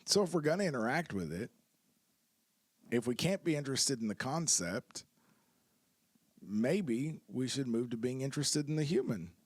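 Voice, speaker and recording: A man's voice: mid-range voice, animated, moderate pace, pauses often, no echo. A man talking in a reflective, easygoing way in a casual podcast conversation, laughing now and then.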